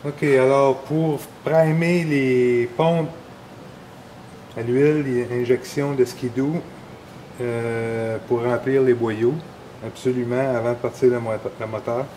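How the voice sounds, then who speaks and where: A snowmobile mechanic in his forties with a Québécois French accent explains a repair step by step in an indoor workshop garage, rambling casually and using fillers. His medium-pitched voice is dark in tone, slow, and fairly even in intonation. The low-quality recording has slight background noise.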